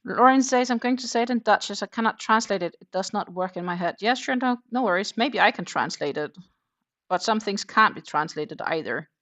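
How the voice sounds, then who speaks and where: Animated and brisk, a woman speaks at a medium pitch with a slightly bright tone, though the audio is dull. She's from Denmark and hosts a casual crochet livestream, chatting as she crochets, reading viewer comments aloud, and counting her stitches.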